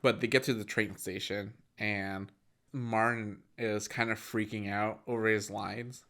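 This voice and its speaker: A man's voice: on the low side, fairly even intonation, unhurried, pushed and bright. Easygoing young man recapping a movie. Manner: easygoing, recaps scenes, many fillers. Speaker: podcast co-host. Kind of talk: casual movie review chat.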